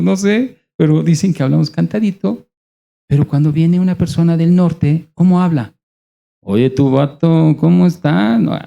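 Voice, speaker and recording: Dark-voiced Mexican preacher. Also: male voice, on the high side, creaky. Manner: conversational, rhetorical questions, dramatic pauses. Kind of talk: sermon.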